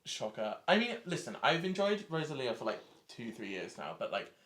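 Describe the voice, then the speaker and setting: A man co-hosting a casual podcast chat, talking fast and gushing with lots of "like" and "um". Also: medium pitch, very animated, a bit bright. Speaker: podcast co-host.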